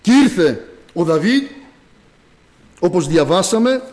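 A man's voice: sits high, big pitch swings, darkish tone. A man preaching a sermon earnestly, asking rhetorical questions and addressing listeners as brothers.

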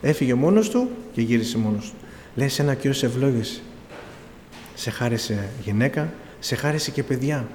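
A man's voice: mid-range voice, animated, darkish tone. Man, middle-aged, preacher, storytelling with pleading emphasis, long reverb, faint room noise. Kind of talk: sermon testimony.

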